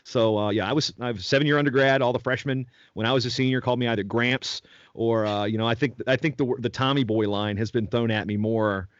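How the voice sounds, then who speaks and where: A man's voice: medium pitch, steady tone, quick pace, no room sound. A middle-aged man from Virginia, chatting in an interview and telling long rambling stories with many restarts. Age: 40s. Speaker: podcast guest. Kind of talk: casual conversational interview. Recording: dull lo-fi audio, dry sound.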